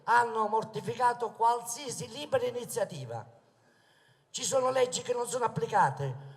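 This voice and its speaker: A man giving an impassioned political rally speech, booming and declamatory, with rhetorical questions and emphatic repetition. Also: lively intonation, moderate pace, gravelly. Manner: booming, declamatory public oratory. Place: open town square. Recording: long reverberation of amplified outdoor speech.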